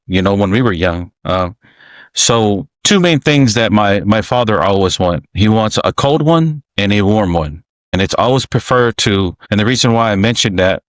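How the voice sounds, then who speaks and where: Low voiced samoan host reminiscing, slow and halting, dry close mic. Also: male voice, no room sound. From American Samoa. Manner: relaxed, reminiscing, halting restarts. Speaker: podcast host. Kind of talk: casual podcast storytelling.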